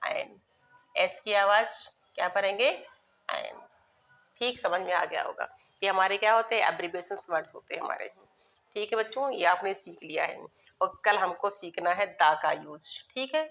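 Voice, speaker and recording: A woman teacher delivers a grammar lesson in Hindi with English terms, repeating key words and posing questions she then answers herself. Her mid-range voice is fairly bright with vocal fry, at normal speed.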